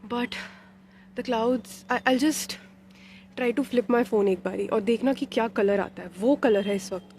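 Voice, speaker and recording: A woman's voice: on the high side, rapid-fire, darkish tone, slight background noise. A young woman with an Indian accent chatting casually in a vlog, switching between English and Hindi, recorded on a phone held at arm's length outdoors. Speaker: vlogger. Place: walking outdoors and on a rooftop terrace.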